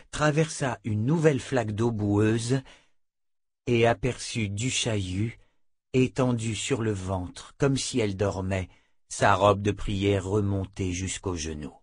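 A man narrating an audiobook in a steady, measured dramatic reading. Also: fairly low pitch, husky. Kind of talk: scripted narration.

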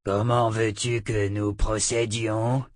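A man's voice: on the low side, level tone, takes it slowly, dry recording, studio quality. A man reading an audiobook and voicing a burly, suspicious thug who growls his lines. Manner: gruff, growling.

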